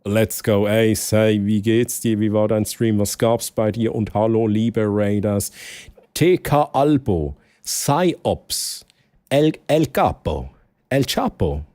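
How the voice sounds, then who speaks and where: Excitable Swiss streamer man, mellow voice. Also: slow, dry recording. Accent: Swiss German. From Switzerland. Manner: excitable, bursts into loud high exclamations and laughter. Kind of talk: casual live-stream chat.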